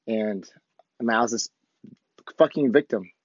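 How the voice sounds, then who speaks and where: A hoarse man with a worn-out voice hosting a podcast, talking casually and candidly in a rambling, profanity-heavy motivational monologue. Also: fairly low pitch, normal speed. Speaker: podcast host. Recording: dull, lo-fi, roomy echo.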